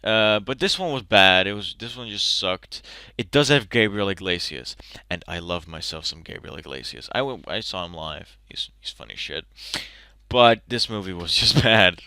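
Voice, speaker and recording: A young man giving a casual, ranting movie review, animated and swearing as he gets agitated. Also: low-pitched, moderate pace, smooth, no room sound, studio quality.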